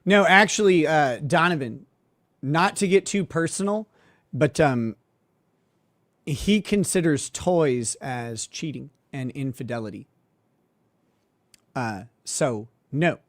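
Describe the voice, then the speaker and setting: A man tells a story in a loose, sarcastic monologue, mocking the people in it and stopping to laugh. His voice sits a little high for a man. The sound is dry and close, with no room echo. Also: lively intonation, takes it slowly, long pauses, a bit bright. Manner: sardonic, mocking, with laughs and filler words. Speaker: suspended lawyer and streamer.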